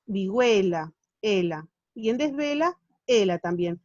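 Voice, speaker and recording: A woman teaches over a video call, her voice a little high and her tone patient. She keeps checking in with her students as she explains. The audio is dry and somewhat dull, like a laptop call. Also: normal speed, no echo. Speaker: literature teacher. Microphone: phone or laptop on a video call.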